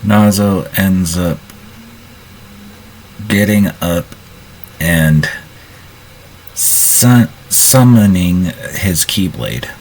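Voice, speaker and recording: Deep, slow-talking man at role-play. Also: lively intonation, darkish tone, slight background noise, rough recording. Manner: halting, restarts sentences. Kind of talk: casual role-play narration.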